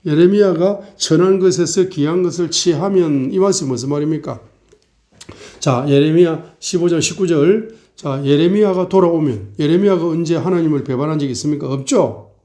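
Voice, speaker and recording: A man's voice: fairly high pitch, moderate pace, mellow. A middle-aged male pastor preaching a sermon, asking the congregation rhetorical questions and acting out mocking and complaining voices.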